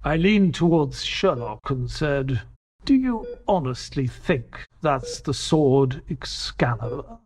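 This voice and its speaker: An actor playing Dr. Watson, an inquisitive companion who narrates an audio play in an earnest, storytelling way. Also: male voice, medium pitch, very animated, slow, a little hiss or hum. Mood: questioning. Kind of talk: audio drama narration and dialogue.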